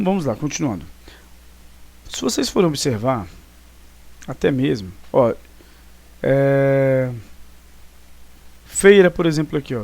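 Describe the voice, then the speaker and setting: A man's voice: mid-range voice, creaky, darkish tone. A man with a Brazilian Portuguese accent, teaching a recorded grammar lesson in an explanatory way, checking in with the class often. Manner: explanatory, frequent tag questions.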